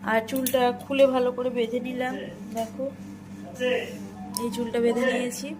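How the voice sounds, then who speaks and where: A woman's voice: on the high side, flat delivery, normal speed, over loud music. A woman chatting to her viewers in a casual family vlog from her home. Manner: chatty, addresses viewers as friends; speaking softly so a sleeping child stays asleep. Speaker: vlogger. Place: family home in the evening, kitchen then bedroom.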